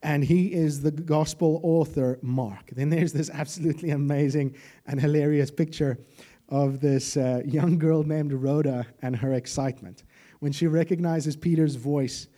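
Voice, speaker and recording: A man preaching a sermon, lively and joking, with animated asides. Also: fairly high pitch, normal speed.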